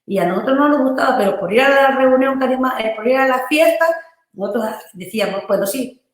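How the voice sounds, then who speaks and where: A woman pastor tells her life story in an interview, rambling earnestly and tagging questions onto her sentences. Her voice sits a little high for a woman. The room around her rings with heavy echo. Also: expressive, fast. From Honduras. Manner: earnest, loose storytelling with frequent "¿verdad?" and "hermano" tags. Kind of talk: telling a personal testimony in an interview. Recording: very echoey room.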